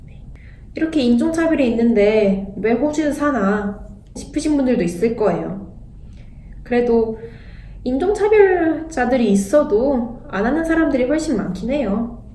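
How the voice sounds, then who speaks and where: A woman's voice: fairly high pitch, lively intonation, moderate pace, dark tone, slight background noise. A young Korean woman talking candidly in a casual vlog, blunt and sarcastic at times. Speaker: vlogger. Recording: echoey room, voice a bit distant.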